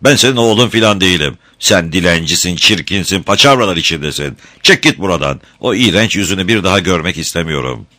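A man's voice: sits low, big pitch swings, a little fast, pitched above the performer's own voice, full character voice. A man voicing a proud, cruel young boy in a storybook reading. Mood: scornful. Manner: haughty, shouting.

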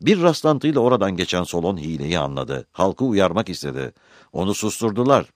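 A man narrating a scripted history documentary in a measured storytelling delivery with dramatic emphasis. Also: deep voice, big pitch swings, no room sound, clean studio sound.

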